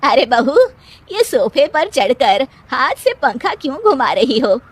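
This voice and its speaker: A woman voicing a kindly middle-aged mother-in-law in a cartoon story, gently questioning and indulgent. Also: high voice, very animated, a little slow, voice pushed up, heavily acted. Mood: gently teasing.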